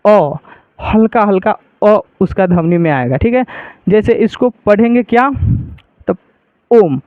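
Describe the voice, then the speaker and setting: A man's voice: sits high, expressive, a little slow, dry recording. A man teaching an online lesson on reading Sanskrit, patient and repetitive, often checking whether viewers understood. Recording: dry, phone-like narrow sound.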